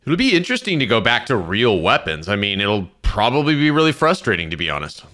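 A man's voice: on the low side, huge pitch swings, quick pace, pushed and bright. A man co-hosting a gaming podcast, talking casually and hesitantly and swearing freely. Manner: wavering and self-doubting, swears casually. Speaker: podcast co-host.

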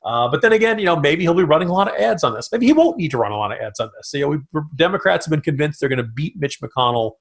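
A man with a slightly higher, gravelly voice talks through campaign politics as a podcast guest. He thinks out loud, rapid and analytical, and doubles back on his own phrases. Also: expressive. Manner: rapid, analytical, with frequent restarts. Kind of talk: casual political chat.

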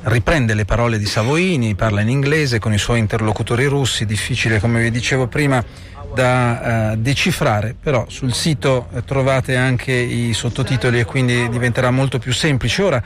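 A man presenting live radio news and reading out statements in an explanatory way, with some hesitant pauses. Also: medium pitch, steady tone.

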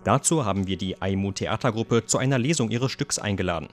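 A man's voice: on the low side, brisk. A man reading a scripted voice-over for a radio report. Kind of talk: scripted voice-over translation of a speaker.

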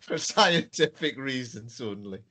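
A man's voice: medium pitch, expressive, measured pace, pushed and bright. A British man co-hosting a podcast in casual, jokey, self-deprecating banter. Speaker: podcast co-host.

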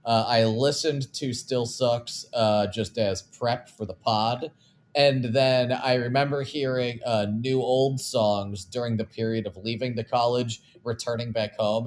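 Wordy, self-deprecating man over a faint rumble. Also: fairly even intonation, unhurried. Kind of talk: casual chat. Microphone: video call, camera off.

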